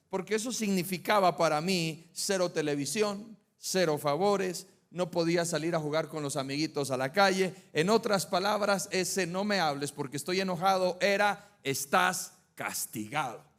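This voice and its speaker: A man's voice: sits high, moderate pace, hardly any pauses. A married man with children preaching a sermon in a conversational way, telling humorous personal stories and asking the listeners questions. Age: adult, married with children.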